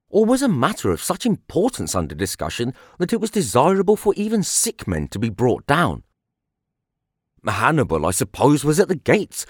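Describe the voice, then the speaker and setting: A man's voice: medium pitch, dry recording, clean studio sound. A man reading a scripted ancient speech in the declamatory manner of a Roman orator, posing rhetorical questions. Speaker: audiobook reader of a classical speech.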